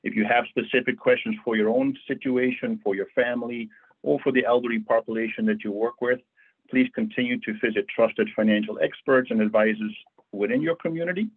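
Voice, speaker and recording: A Dutch man presents a friendly banking webinar over a video call, working as a bank financial educator and filling his conversational speech with lots of fillers. His medium-pitched voice is steady, fairly quick and slightly rough. The audio sounds tinny, like a phone.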